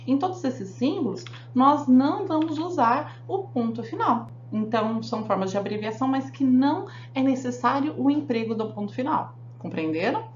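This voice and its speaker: A woman's voice: high voice, animated, normal speed, few pauses. Woman teacher doing a grammar lesson, keeps asking if everyone got it, lots of room echo. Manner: explanatory, asks the class frequent check questions. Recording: echoey room, dull sound, faint hum.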